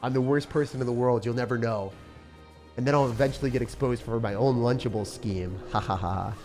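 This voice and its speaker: A young man streaming a game chats with viewers, joking and reading their messages aloud with slang such as "bro" and "man." His mid-range voice is a little mellow and fairly quick, with soft music in the background.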